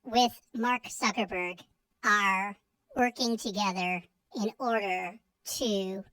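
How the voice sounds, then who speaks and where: A secret informant with a squeaky disguised voice. She talks slowly, formal and grave, like every word is classified. The sound is close and dry. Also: fairly even intonation, bright, forceful tone, no room sound, poor audio. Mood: earnest. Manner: solemn, formal, conspiratorial. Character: secretive whistleblower with a disguised, helium-like voice. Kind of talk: comedy sketch.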